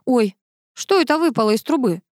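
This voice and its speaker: A woman reading a calm precise scientist husband. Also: on the high side, dry recording, studio quality, pitched above the performer's own voice, lightly acted. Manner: measured, precise.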